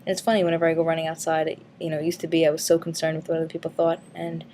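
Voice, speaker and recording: A woman vlogger talks through her week in a loose, rambling way. She is frank and casual, with plenty of ums and likes and the odd swear word. Her voice sits a little on the low side. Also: monotone, racing, warm tone, a little hiss or hum. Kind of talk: casual weight-loss update vlog.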